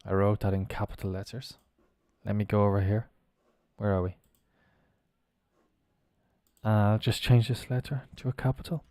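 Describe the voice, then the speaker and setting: Mellow-voiced male English teacher, dry sound. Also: on the low side, steady tone, normal speed, long pauses, no room sound. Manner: spells words letter by letter, chatty and self-correcting. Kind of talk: live-streamed pronunciation lesson.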